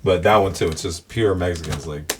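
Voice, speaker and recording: A man's voice: sits low, fairly quick, husky. A man hosting a reaction video, chatting casually to viewers and filling his talk with "like". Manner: chatty, addresses viewers, says like a lot. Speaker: reaction channel host.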